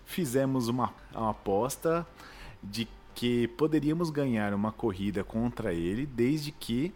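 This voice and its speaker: A man's voice: medium pitch, lively intonation, unhurried, a little mellow. A man with a Brazilian Portuguese accent co-hosting a podcast, retelling a game's plot with mock drama. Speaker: podcast co-host. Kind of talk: casual comedic podcast banter.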